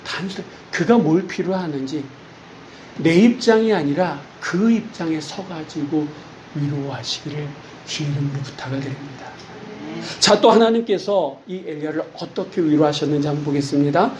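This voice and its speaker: A middle-aged male pastor preaching a sermon in an animated way, often asking the congregation rhetorical questions. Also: fairly high pitch, moderate pace, a little hiss or hum, rough recording.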